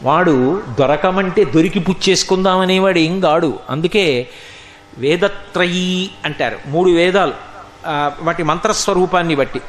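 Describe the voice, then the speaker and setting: A man giving a spiritual sermon, telling stories in an animated way, acting out the lines of the people in them and chanting scripture verses. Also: high voice, a little slow, long pauses, reverberant. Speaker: spiritual discourse speaker.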